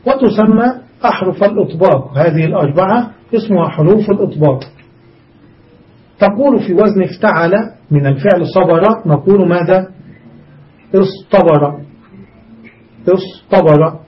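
A man's voice: sits high, far from the mic. A man teaching a grammar lesson, explaining step by step, repeating examples and asking his students questions. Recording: dull recording from off-mic.

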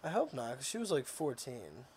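A man's voice: medium pitch, huge pitch swings, moderate pace, a little mellow, a little hiss or hum. A man co-hosting a casual TV recap podcast, wry and joking as he chats. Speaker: podcast co-host.

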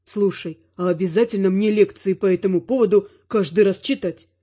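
A grumbling, reproachful young grandson in a fantasy audiobook, as a woman narrator puts him on lower than her own voice. The tone is soft, mellow and slightly husky, and the recording sounds a little dull and lo-fi. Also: fairly quick, lightly acted. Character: grumbling young adult grandson, teasing and exasperated.

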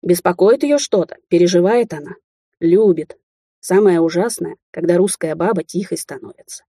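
A blunt, bossy older man delivers a coarse lecture, as a woman reads him in a storybook. The voice is husky, low and dark, recorded dry and close. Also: moderate pace, no echo. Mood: lecturing. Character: gruff older Russian man, blunt taxi driver.

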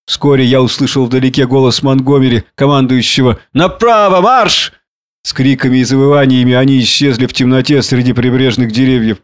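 A man's voice: mid-range voice, flat delivery, fast talker, hardly any pauses, clear, resonant tone, no room sound, studio quality. Man narrating an audiobook.

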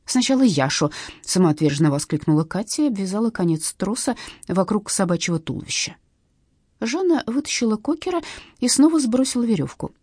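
A woman narrating a humorous story with an expressive, lively delivery. Her voice is husky, and the recording is close and dry with no room sound. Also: medium pitch, brisk, no room sound. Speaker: audiobook narrator. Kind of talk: scripted narration.

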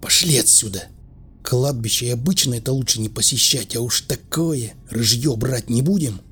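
A man voicing a gruff, wary male stalker companion who speaks in low, curt mutters. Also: normal speed, a bit bright, soft background music. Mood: grumbling.

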